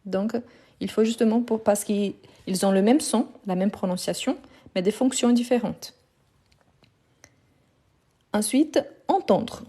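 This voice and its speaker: A woman teaching a live online lesson on her phone, slowly repeating each verb and confirming her students' answers with patient approval. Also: medium pitch, steady tone, warm tone, slightly rough. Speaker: French teacher.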